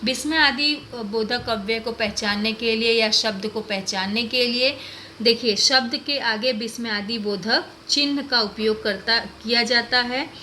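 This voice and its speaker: A woman with a bright, clear, somewhat high voice teaches a grammar lesson at an unhurried pace. She explains patiently and keeps turning questions back to her young pupils. A faint hum sits behind her.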